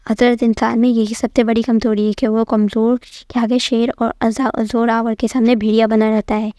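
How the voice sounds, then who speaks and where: Woman doing a bearded old dwarf who preaches, scolding with sayings; her slightly high, flat, steady voice carries him in a dry, close storybook reading. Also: no room sound, natural voice. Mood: lecturing. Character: bearded old male dwarf sage, lecturing. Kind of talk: storytelling narration.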